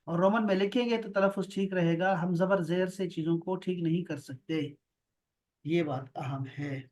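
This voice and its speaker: A man's voice: high-pitched, steady tone, a little mellow. A man teaching an online Arabic class over a video call, patient and repeating words for drill. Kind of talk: online grammar lesson.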